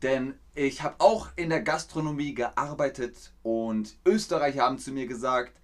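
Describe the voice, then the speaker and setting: A man's voice: medium pitch, normal speed. A man from Austria, hosting a livestreamed dialect quiz in a playful, encouraging way. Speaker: quiz host teaching dialect words.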